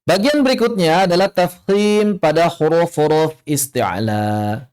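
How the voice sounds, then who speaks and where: A man teaching Quran recitation rules in an online class, calmly explaining and then slowly modeling each example. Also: a little high, smooth. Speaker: tajwid teacher.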